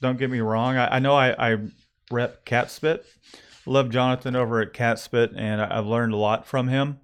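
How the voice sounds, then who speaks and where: A man's voice: medium pitch, steady tone, moderate pace, clean tone. Man, shop-owner host, casual rambling talk with restarts. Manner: rambling, self-correcting, joking. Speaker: co-owner of a screen printing shop, channel host. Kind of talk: casual chat. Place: screen printing shop.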